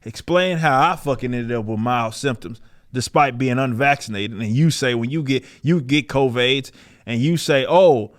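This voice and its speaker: A podcast host with a medium-pitched voice speaks at normal speed, offering casual, opinionated commentary. He's combative and emphatic, swearing plenty.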